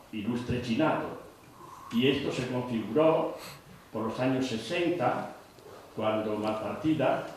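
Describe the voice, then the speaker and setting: A man's voice: medium pitch, darkish tone, a little hiss or hum. A man in the audience, recalling personal memories in a reflective, hesitant way. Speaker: audience member. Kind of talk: personal reminiscence. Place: cultural centre hall. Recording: very echoey hall, distant mic.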